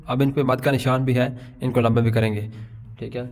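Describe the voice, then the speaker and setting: A middle-aged man teaches letter sounds to beginners at an ordinary mid pitch. He explains patiently and slowly stretches each example letter so learners can copy it. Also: level tone, a little mellow. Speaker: Quran pronunciation teacher. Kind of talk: Urdu alphabet lesson.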